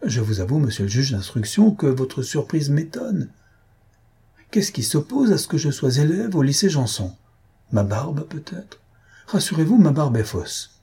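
A man voicing a clever, polite teenage schoolboy in an audiobook, speaking softly and courteously. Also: a little high, sing-song, normal speed, breathy edge, voice pushed up, full character voice. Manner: soft-spoken, infinitely polite. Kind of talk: audiobook character reading.

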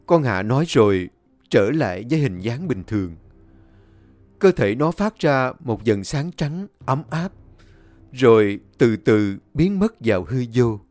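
A man's voice: very animated, measured pace, a little mellow, dry recording, faint music behind. A man narrating a dramatic horror story and voicing its characters himself. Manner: voices each character with high pleading tones.

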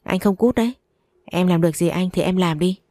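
A woman's voice: lowish voice, fairly quick, mellow, no echo. A woman voicing an obsessive, pushy man who will not let his ex go, in a read-aloud story. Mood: defiant. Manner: insistent, pleading then menacing.

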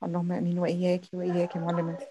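A woman student reciting the Quran carefully for her teacher and answering with short, soft acknowledgments. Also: on the low side, completely flat delivery, racing, crowd noise.

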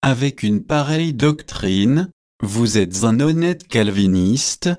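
Preachy young student lecturing his friends, read by a man, slow and self-important, storybook reading. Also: medium pitch, lively intonation, a little mellow. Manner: magisterial, preachy. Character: pompous young male Oxford student, lecturing. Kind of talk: audiobook reading.

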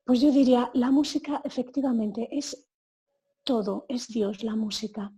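Husky Galician woman organist. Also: on the high side, steady tone, measured pace, mellow. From Galicia, Spain. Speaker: organist and choir director, guest. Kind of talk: casual interview chat.

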